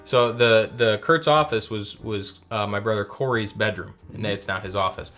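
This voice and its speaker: A young adult man co-hosting a casual chat, talking in a relaxed, rambling way that keeps correcting itself. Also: lowish voice, normal speed, soft background music. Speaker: co-host.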